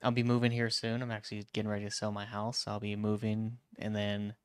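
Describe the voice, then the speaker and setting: A man's voice: lowish voice, monotone, fairly quick, smooth. A man co-hosting a casual podcast, laid-back and agreeable. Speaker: podcast co-host. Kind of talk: casual chat.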